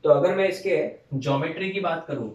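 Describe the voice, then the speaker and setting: Male teacher, fairly high voice, quizzing his class and answering for them; roomy, distant mic. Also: fairly quick, darkish tone, lo-fi sound, slight background noise. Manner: explains step by step, quizzes the students and answers for them. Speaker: chemistry teacher. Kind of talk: classroom lecture.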